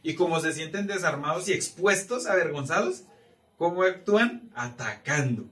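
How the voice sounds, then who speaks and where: A man leads a Bible teaching with a fairly high voice for a man. He keeps checking in with the group as he goes. The sound is roomy and picked up from across the room. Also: animated, normal speed, fairly bright tone, recorded from a distance. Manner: asks the room for agreement often. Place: church meeting room.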